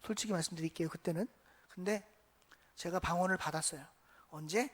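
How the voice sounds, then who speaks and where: A man's voice: sits high, fairly quick, breathy edge. A man preaching a Sunday sermon as pastor, telling a story and acting out quoted voices, asking the congregation rhetorical questions. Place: church sanctuary. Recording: long church reverb.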